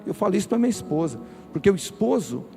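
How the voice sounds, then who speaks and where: Brazilian male pastor, mellow tone, forceful direct preaching to the congregation. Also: sits high, big pitch swings, fast, gravelly, faint music behind. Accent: Brazilian Portuguese. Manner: emphatic, direct, addresses listeners. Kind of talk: sermon. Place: church.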